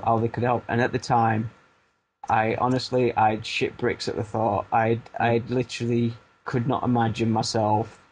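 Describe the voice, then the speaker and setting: Speaking in a medium-pitched, darkish voice, a Barnsley man in his thirties with a Yorkshire accent, once a music producer and now a coach, gives a casual interview full of loose, self-deprecating restarts and fillers. The low-quality recording carries a little hiss or hum.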